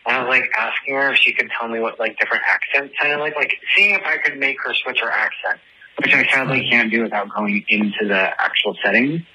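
A man with a medium-pitched, husky voice that sounds pushed and bright talks briskly, leaving a casual voice message for a show as a listener. Over a phone-like recording, he tells a story in a chatty, dramatic, self-deprecating, motormouth rush.

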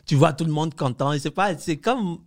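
A man from Cuba, a podcast guest talking casually and telling lively stories, acting out the people he quotes. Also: normal speed, no room sound, studio quality. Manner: animated storyteller, acts out quotes with high laughing voice. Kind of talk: casual conversation.

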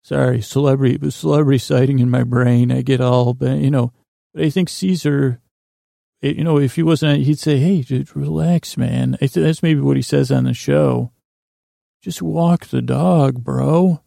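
A male podcast host delivers a rambling bedtime monologue meant to help listeners sleep, his gravelly, creaky, mid-range voice warm and fairly even in intonation. He's meandering and halting, digressing and losing his thread as he drifts off track. The studio-quality recording is dry.

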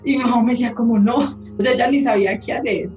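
A woman's voice: a little high, rapid-fire, darkish tone. A woman speaks candidly as a podcast guest, dropping casual swear words as she tells her stories. Her voice sits in a roomy space with a slightly dull, muffled tone. Faint music plays underneath. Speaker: holistic therapist guest.

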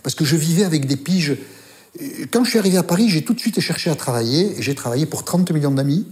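Older man, Basque accent, journalist, lively storytelling, fairly high pitch. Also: quick pace. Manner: lively, animated storytelling with casual swearing. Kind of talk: interview storytelling.

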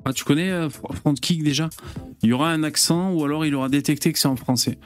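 A man's voice: a little high, quick pace, faint music behind. A man hosting a casual live stream, chatting with viewers in a loose, hesitant way with lots of fillers and curse words. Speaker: host.

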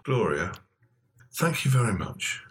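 A man's voice: fairly low pitch, very animated, unhurried. A man from the United Kingdom hosting a podcast, encouraging his guest in a casual chat and laughing easily. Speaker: podcast host.

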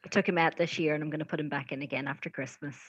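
A woman's voice: deep voice, steady tone, rapid-fire, a bit bright, husky, no room sound. A woman in her thirties with a Donegal Irish accent, telling a personal story casually and hesitantly as a podcast guest. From County Donegal, Ireland. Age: 30s. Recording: slightly dull, lo-fi sound.

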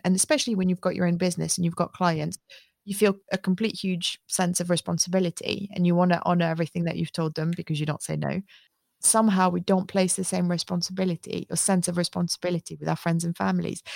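A woman's voice: fairly low pitch, gravelly, darkish tone, no echo, studio quality. A woman hosting an interview, asking questions in a conversational way. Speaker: interviewer, podcast host.

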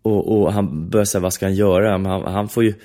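A man's voice: sits low, fairly even intonation, warm tone. A man in casual chat, telling long stories with many restarts and filler phrases.

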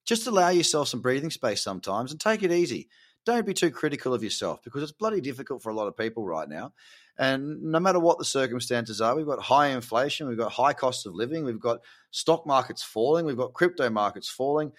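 A man's voice: medium pitch, lively intonation, a little fast. A man, casually running through a market update, chatty and encouraging, and often correcting himself mid-sentence. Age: 30s. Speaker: crypto market vlogger.

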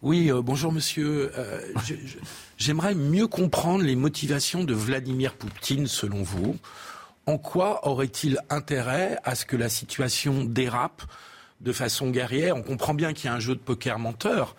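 Male panelist, husky voice, hesitant questioner. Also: medium pitch, normal speed. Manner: hesitant, searching for words. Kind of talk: studio debate question.

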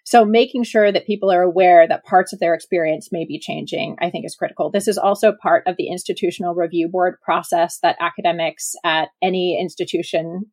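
Researcher guest, woman, husky low voice, dry close recording. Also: darkish tone, no echo. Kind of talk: interview answer.

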